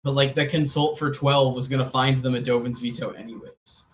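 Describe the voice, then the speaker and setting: A man's voice: medium pitch, level tone, a little hiss or hum, rough recording. Joking man commentating a card game. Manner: joking, drawn-out asides, frequent "like". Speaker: podcast co-host and game commentator. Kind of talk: casual gameplay commentary.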